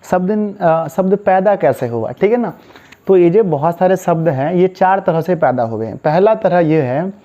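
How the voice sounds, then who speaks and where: A man teaching a Hindi grammar class online, drilling students with call-and-response repetition and answering his own questions. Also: sits high. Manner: casual, asks rhetorical questions and answers them. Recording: dull lo-fi recording.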